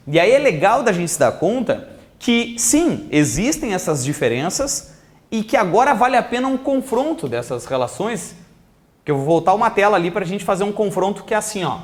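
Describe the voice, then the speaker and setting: Male teacher, video lesson, lively and high, drawls key words. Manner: lively, stretches words slowly for emphasis.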